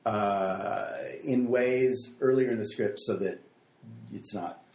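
A man's voice: mid-range voice, takes it slowly, darkish tone, soft background music. A man with a standard American accent, speaking casually as an interview guest. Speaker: screenwriter and podcast guest. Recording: echoey room.

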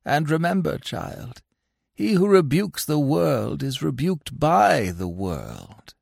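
A man voicing an old, hypocritical male crocodile who speaks gently and preachily, drawing out his words. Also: a little high, very animated, slow pace, gravelly, breathy edge, no room sound, clean studio sound, pitched above the performer's own voice, heavily acted. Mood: sanctimonious.

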